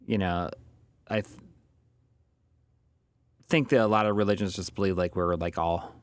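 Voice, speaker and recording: A man co-hosting a podcast in casual chat, halting and hesitant, with lots of fillers. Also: low voice, steady tone, smooth, no room sound. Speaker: podcast co-host.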